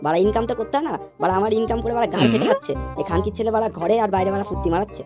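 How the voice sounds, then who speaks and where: A woman's voice: medium pitch, expressive, rapid-fire, music in the background, lightly acted. A woman voicing a crude, hot-tempered middle-aged father in a comedy cartoon, swearing coarsely and bellowing threats. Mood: furious.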